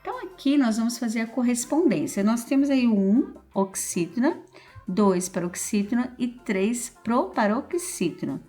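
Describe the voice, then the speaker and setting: Brazilian woman teacher, patient, drawn-out key words, soft music under it. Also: fairly high pitch, animated. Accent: Brazilian Portuguese. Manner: slow, patient, stretches key words, often adds "então" and "ó". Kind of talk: correcting school exercises aloud.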